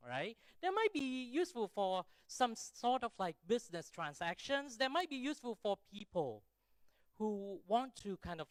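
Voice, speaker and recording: A man's voice: high voice, smooth, dry recording. A middle-aged man from Thailand speaking English with a Thai accent, giving an informal, conversational keynote speech with self-deprecating asides and rhetorical check-ins.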